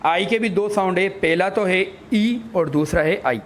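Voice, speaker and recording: This phonics teacher speaks in an unhurried, high-pitched voice, with slight background noise. He addresses his audience as children, spelling words out letter by letter and patiently answering the questions he poses himself.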